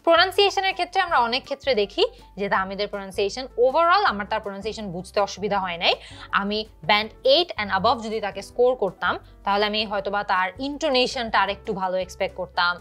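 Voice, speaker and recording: A woman's voice: mid-range voice, a bit bright. A young woman from Bangladesh teaching an exam prep lesson, explaining step by step and mixing English terms into her Bengali.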